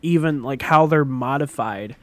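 A man's voice: medium pitch, moderate pace, a bit bright, dry recording. A man chatting casually as a podcast co-host, rambling with lots of fillers and swearing. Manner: rambling, with many fillers and profanity. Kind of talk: casual chat.

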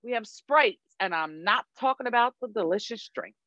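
A woman's voice: medium pitch, lively intonation, normal speed, sharp tone, no room sound. Blunt, sweary middle-aged woman on dull audio. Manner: blunt and sweary, reading out a list. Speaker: podcast co-host. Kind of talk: casual chat.

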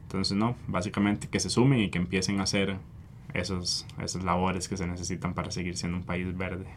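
A man with a Costa Rican Spanish accent, an environmental activist answering interview questions earnestly, often pausing with fillers. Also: low-pitched, flat delivery, slight background noise. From Costa Rica. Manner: earnest, hesitant with frequent fillers.

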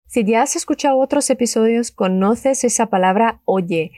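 A woman teaching a Spanish lesson, upbeat and enthusiastic, saying model phrases slowly and clearly for learners to repeat. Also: fairly high pitch, a little mellow, no room sound, studio quality. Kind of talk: language lesson with repeat-after-me drills.

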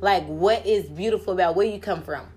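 A woman hosting a podcast interview, telling a story in a chatty, casual way with lively asides. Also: on the low side, a little fast, faint music behind. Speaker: podcast host.

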